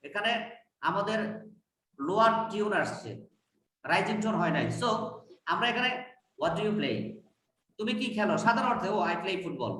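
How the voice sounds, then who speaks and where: A man's voice: high voice, animated, normal speed, pushed and bright. A man with a Bengali accent teaching a spoken English class over a video call, patiently repeating and modeling sentences. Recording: echoey, distant, lightly noisy call audio.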